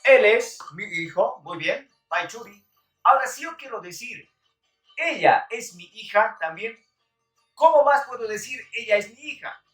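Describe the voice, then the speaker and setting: A woman teaching Quechua on a live stream, calling out to viewers and running a lively quiz. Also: a little high, unhurried. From Bolivia. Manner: lively, calls out to viewers, counts down. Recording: echoey room, far from the mic, faint music.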